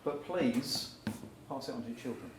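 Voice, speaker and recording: A man giving a short live talk, walking the audience through exercises and calling out loudly at times. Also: medium pitch, normal speed. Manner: energetic, instructing the crowd, rising to loud calls. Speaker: speaker at a live talk event. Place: event venue with a live audience. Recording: echoey hall, far from the mic, crowd noise.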